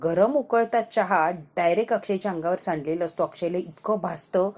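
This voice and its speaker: A woman narrating an episode recap in a chatty, lively way. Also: lowish voice, moderate pace.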